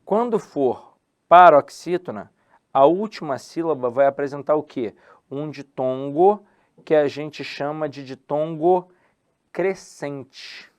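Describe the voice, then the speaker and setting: A man's voice: on the high side, fairly even intonation, slow, dark tone, clear, resonant tone. A Brazilian man teaching a Portuguese grammar lesson for exam prep, stretching key words and asking and answering his own questions.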